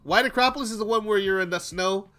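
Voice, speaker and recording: A man chatting casually as a streamer, in a halting, jokey way. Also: high voice, over loud music. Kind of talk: casual chat.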